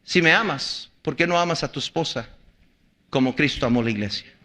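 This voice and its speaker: A man, a pastor preaching an impassioned sermon, hammering rhetorical questions and at times shouting. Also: fairly high pitch, brisk.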